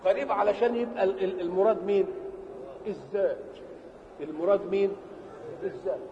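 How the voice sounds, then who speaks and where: A man with an Egyptian Arabic accent giving a religious lesson. He asks questions and answers them himself, and he stretches key words slowly for emphasis. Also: sits high, steady tone, highs cut off. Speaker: religious teacher. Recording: reverberant hall with faint background noise.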